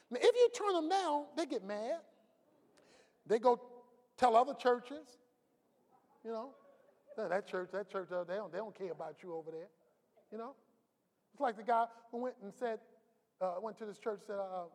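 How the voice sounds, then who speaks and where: A man preaching a sermon as pastor, swinging from shouted climaxes to quiet storytelling asides. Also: very high-pitched. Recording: long reverb of a large hall.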